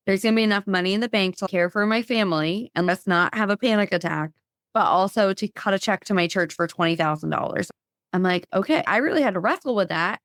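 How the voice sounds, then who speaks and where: A woman guest on a podcast, telling a lively faith story and acting out her own past thoughts in quotes. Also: mid-range voice, dry recording, clean studio sound.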